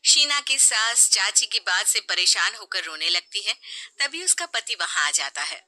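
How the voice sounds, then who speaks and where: A woman narrating a scripted family story in an expressive way. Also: medium pitch, measured pace.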